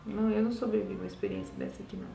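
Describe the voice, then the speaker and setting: Woman leading an expressive Bible study. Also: medium pitch, racing, creaky, slight background noise. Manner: expressive, exclamatory asides to listeners. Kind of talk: devotional Bible reading with commentary. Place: home at night. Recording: roomy, distant mic, faint ambience.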